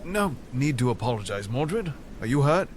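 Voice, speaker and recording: Regal, expressive fatherly king, acted by a man. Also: mid-range voice, moderate pace, a little hiss or hum, natural voice. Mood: kindly, brisk. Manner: formal, kindly, regal. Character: noble, fatherly king leading a hunt. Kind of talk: audio drama acting.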